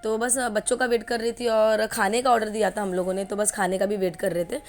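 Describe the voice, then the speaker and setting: A woman's voice: medium pitch, level tone, brisk. A woman in her forties talking casually through a family vlog at home, rambling with lots of fillers. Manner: chatty, rambling, many fillers. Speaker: family vlogger. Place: home kitchen.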